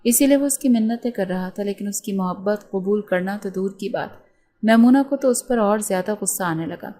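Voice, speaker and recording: A woman storyteller reading a romance novel aloud in a steady, expressive way. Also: medium pitch.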